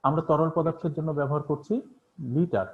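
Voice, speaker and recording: Over tinny, phone-like online class audio, a man with a fairly high-pitched voice teaches at a brisk pace. He poses questions only to answer them himself, and his speech is full of fillers.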